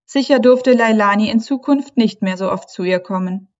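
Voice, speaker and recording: A careful young girl full of wonder, read by a woman telling a storybook, asking cautious questions in a mid-pitched voice. The audio sounds somewhat dull and lo-fi. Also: normal speed, distant mic, close to an everyday voice. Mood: curious.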